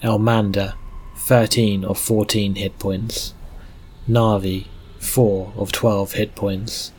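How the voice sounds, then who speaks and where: A man narrating a fantasy story in a steady storytelling manner and reading out game stats. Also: on the low side, slow pace, slight background noise.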